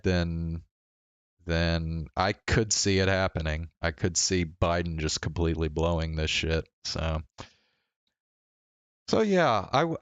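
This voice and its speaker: In a casual, rambling livestream chat, a man with a low, smooth voice talks slowly and haltingly, as if thinking out loud. He stammers into restarts and swears offhandedly, and the recording is close and dry.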